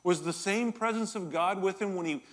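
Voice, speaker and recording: A middle-aged man preaching a sermon as pastor, telling a personal story in an animated, self-deprecating way. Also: sits high, normal speed. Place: church.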